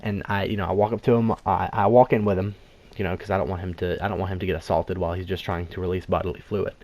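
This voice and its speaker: A man's voice: low-pitched, flat delivery, quick pace, a little mellow. A man telling a personal story in a casual, rambling, joking way, full of fillers and asides. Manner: rambling, joking, lots of "you know" fillers.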